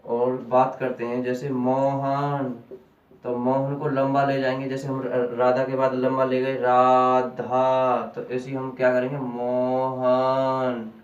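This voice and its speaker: A man teaching a grammar lesson slowly, repeating key terms back as questions to his students. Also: mid-range voice, completely flat delivery, a little mellow, highs cut off. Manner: slow and deliberate. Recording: echoey room, voice from a distance.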